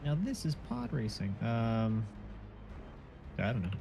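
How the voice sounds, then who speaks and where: A man's voice: mid-range voice, huge pitch swings, unhurried, gravelly, over music. A man bantering casually as a co-host during gameplay. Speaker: gaming co-host.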